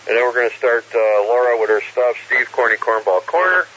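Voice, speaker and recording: A man's voice: mid-range voice, lively intonation, quick pace, pushed and bright, breathy edge. A man with a folksy, joking way of talking, casually hosting an amateur radio net as net control, over a radio transmission with static. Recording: hissy, muffled radio with static.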